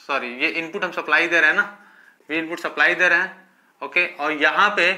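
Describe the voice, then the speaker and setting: Bright, questioning male physics teacher. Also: on the high side. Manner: repetitive, asks the class questions and answers them himself; addresses students as children, frequent fillers like okay. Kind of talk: classroom lecture at a whiteboard.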